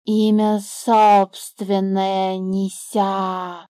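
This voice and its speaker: A woman's voice: medium pitch, flat delivery, mellow, no room sound. A woman voicing a sly, mocking male serpent with a fanged grin in a storybook reading, drawing out every word. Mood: drawling sly. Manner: slow, drawn-out, sneering hiss.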